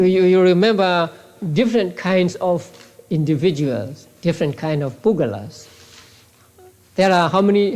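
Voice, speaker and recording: An older man with a Burmese accent, a monk teaching a class, speaking haltingly with many repeats and restarts on an old tape. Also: high-pitched, a little mellow. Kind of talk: classroom lecture.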